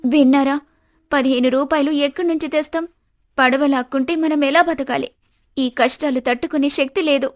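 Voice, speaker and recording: A woman's voice: high voice, steady tone, normal speed, lightly acted. A woman voicing a poor village wife in a dubbed cartoon, worried and pleading. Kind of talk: cartoon dubbing.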